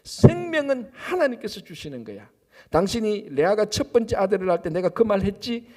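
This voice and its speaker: A man's voice: sits high, very animated, fairly quick, a little mellow, long reverb tail. A man doing a weary, loving husband. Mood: reassuring. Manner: reassuring, pleading. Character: loving, weary husband calming his wife.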